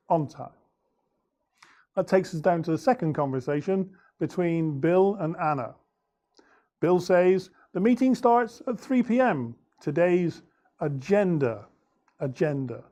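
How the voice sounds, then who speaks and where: A male English teacher talks through a lesson's answer key at a measured pace. His voice sits a little high but sounds warm and mellow. He speaks clearly and uses the occasional filler as he explains. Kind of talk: going over lesson answers.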